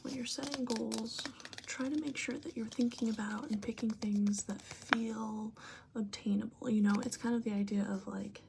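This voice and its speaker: Woman whispering an ASMR pep talk, creaky. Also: a little high, steady tone, moderate pace, noisy background. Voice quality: breathy whisper mixed with very soft-spoken voice. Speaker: ASMR creator giving advice.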